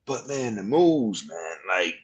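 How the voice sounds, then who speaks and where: A man in his fifties hosting a casual interview, excitable and rambling, full of slang. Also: fairly low pitch, slow pace. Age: 50s. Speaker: podcast host.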